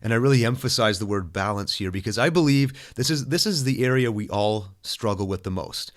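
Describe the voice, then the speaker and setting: A man's voice: on the low side, animated, brisk. A man speaking as a self-improvement coach, addressing the listener directly in an earnest, motivational way, with occasional fillers and restarts. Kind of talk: coaching program talk.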